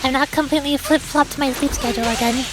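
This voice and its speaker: A woman's voice: high-pitched, fairly even intonation, quick pace. A woman game streamer giving live commentary and reading the story aloud.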